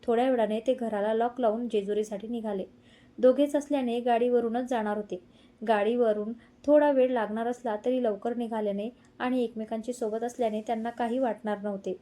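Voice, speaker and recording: A woman narrating a romantic story in a steady, gentle reading voice. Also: a little high, brisk.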